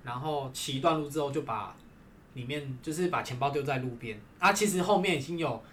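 A man's voice: mid-range voice, fairly quick. A man, casually telling stories from his gym job, often agreeing with "对". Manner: relaxed storytelling with frequent "对". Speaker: gym employee sharing stories. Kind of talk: casual podcast chat. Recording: faint background noise.

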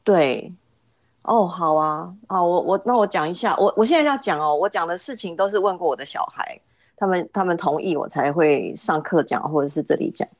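Middle-aged woman, low voice, dry close sound, hesitant guest telling a story. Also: fairly quick, no room sound. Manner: hesitant, repeats words as she starts. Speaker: podcast guest. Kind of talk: casual storytelling.

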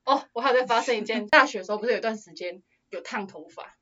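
A young woman with a Taiwanese Mandarin accent, co-hosting a casual podcast, telling an animated story and acting out quotes with frequent laughter. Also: a little high, very fast. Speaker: podcast co-host. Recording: dull lo-fi audio.

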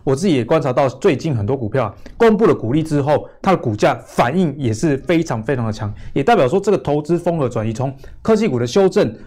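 A man's voice: mid-range voice, expressive, fast, few pauses, warm tone. A man with a Taiwanese accent, presenting a finance show in a conversational way as its host.

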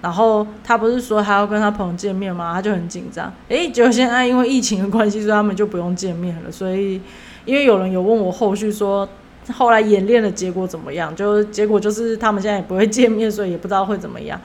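A woman's voice: mid-range voice, fast talker, slight background noise. A woman podcast host with a Taiwanese Mandarin accent, telling a story in a chatty, laughing way and acting out the dialogue. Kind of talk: casual storytelling.

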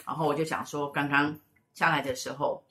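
A middle-aged woman tells a story in a relaxed, casual chat. Her voice sits low for a woman, and she rambles with fillers and repeated words. The recording has a noticeably roomy echo. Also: fairly quick, a little hiss or hum. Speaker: co-host and spiritual teacher.

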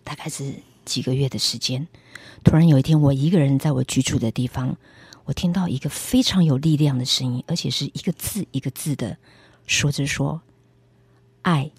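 A woman with a slightly husky voice tells her faith testimony as a guest. She speaks earnestly, at a middle pitch, and acts out the quoted lines as she goes. The sound is dry and close. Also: a little fast, a little mellow, no echo. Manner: earnest storytelling with acted quotes. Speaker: evangelist guest.

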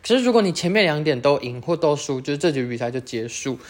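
A high-school-aged speaker with a Taiwanese Mandarin accent, hosting a casual solo chat that rambles and keeps correcting itself. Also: expressive, fast talker. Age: late teens. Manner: rambling, self-correcting, chatty. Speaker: podcast host.

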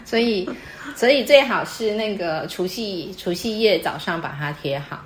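An echoey room carries a woman's mid-range, expressive voice, delivered at a moderate pace over slight background noise. She is patiently explaining customs to a guest in relaxed conversation, teaching and quizzing her as she goes.

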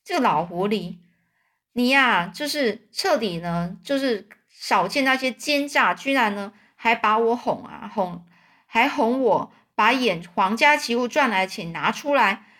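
Brief: woman doing a loud, high, scolding con-man duke in a storybook reading. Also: lively intonation, measured pace. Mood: angry, scolding. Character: hot-tempered male con man posing as a duke.

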